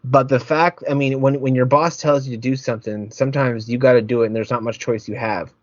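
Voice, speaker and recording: A man's voice: medium pitch, fairly even intonation, brisk, dry recording, lo-fi sound. A man hosting a casual wrestling podcast, rambling, repeating his words and getting heated. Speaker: podcast host.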